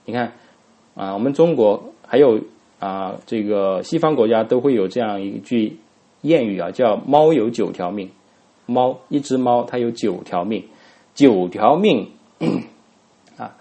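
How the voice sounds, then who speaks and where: A man's voice: lowish voice, warm tone. A man teaching an English grammar lesson, who spells words out letter by letter, says each word twice and keeps asking his students rhetorical questions. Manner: asks students rhetorical questions, many fillers.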